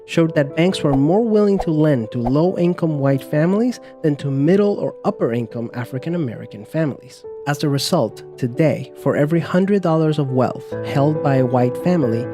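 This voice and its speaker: A man giving calm, measured, scripted narration for an explainer video. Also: fairly high pitch. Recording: narration over music bed.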